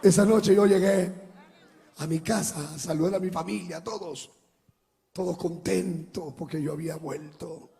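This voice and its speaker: A man, a pastor giving a dramatic testimony sermon that swings from shouting to hushed speech. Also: sits high, steady tone, normal speed, creaky, a faint crowd. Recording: long hall reverb.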